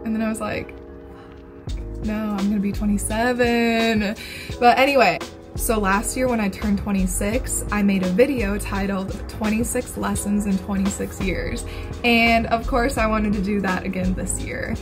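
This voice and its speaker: A woman's voice: medium pitch, fairly even intonation, moderate pace. A woman in her twenties talking to camera in a candid, chatty way, swearing casually now and then. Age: 20s. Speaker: vlogger. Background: background music.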